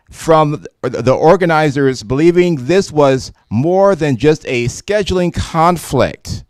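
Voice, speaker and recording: A man's voice: a little high, clear, resonant tone, no room sound, clean studio sound. A man hosting a live stream, reading news articles aloud in a casual way, stumbling over words and correcting himself with asides. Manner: reads haltingly with self-corrections and asides.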